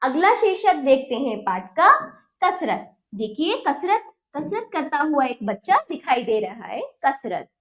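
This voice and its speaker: A woman teacher giving a children's reading lesson, breaking words into syllables and repeating them slowly for the children to follow. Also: sits high, sing-song. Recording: dull lo-fi recording.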